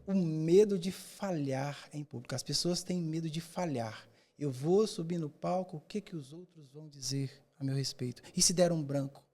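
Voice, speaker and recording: Man, public speaking mentor, podcast interview, emphatic, rhetorical, slightly high voice. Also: normal speed, darkish tone. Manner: emphatic, rhetorical, repeats words for effect.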